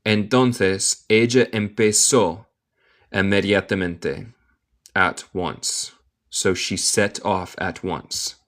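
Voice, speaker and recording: Very slow American man teaching English. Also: on the low side, steady tone, a bit bright. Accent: American, Michigan. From United States. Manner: reads English word by word very slowly, then explains in Spanish, answers chat. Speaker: English teacher, live streamer. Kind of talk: slow read-aloud English lesson.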